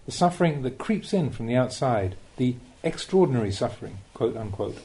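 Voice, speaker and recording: A man who is a Buddhist monk narrates a written spiritual teaching as an audiobook, pacing his words deliberately and posing rhetorical questions. The voice is mid-range and sing-song with a dark tone, and the recording is rough.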